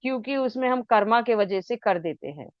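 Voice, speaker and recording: A woman's voice: on the high side, expressive, moderate pace, dry recording, lo-fi sound. A woman giving an unscripted talk on spiritual healing, mixing English phrases into Hindi and repeating words for emphasis.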